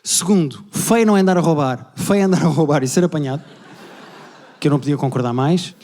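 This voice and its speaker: A high-voiced young man with a European Portuguese accent rattles off stand-up material at speed. He plays his relatives in quick bursts in front of a live audience, and his voice rings with the long reverb of a big hall. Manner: rapid, animated storytelling, acting out family members. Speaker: stand-up comedian. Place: large indoor venue with a live audience.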